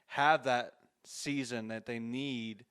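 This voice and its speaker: A man's voice: mid-range voice, fairly even intonation, slow, fairly bright tone, clear, resonant tone. A man in his thirties hosting a faith-based interview, reflective and encouraging, with frequent restarts. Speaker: podcast host.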